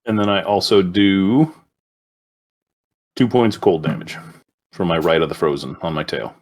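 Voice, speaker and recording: A man's voice: sits low, normal speed. A man playing a tabletop game, talking casually and hesitating with fillers as he thinks aloud. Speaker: player.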